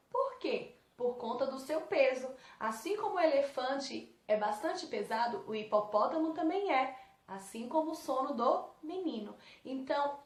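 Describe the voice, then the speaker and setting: Woman, Brazilian Portuguese accent, teacher, patient, fairly high voice, echoey room. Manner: patient, asks pupils questions and answers them. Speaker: primary school teacher. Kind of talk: correcting homework for young pupils.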